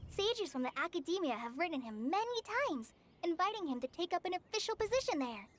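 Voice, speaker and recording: A woman's voice: very high-pitched, sing-song, a little fast. A woman voicing a shy, kind young female forest ranger in a video game who often hesitates and stammers. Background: game music.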